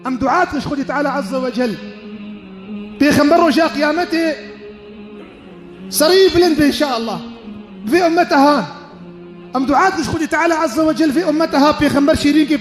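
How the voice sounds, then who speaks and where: High-voiced preacher in echoey hall. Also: male voice. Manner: fervent preaching, sung Arabic invocations. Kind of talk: Friday sermon. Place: mosque. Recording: echoey mosque hall, faint music.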